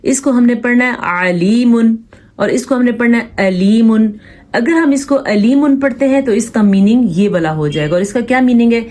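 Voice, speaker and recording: Woman teaching tajweed, pakistani urdu accent, patient explaining, stretches out verses slow when reciting. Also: a little high, darkish tone. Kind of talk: step-by-step tajweed lesson with slow recitation examples.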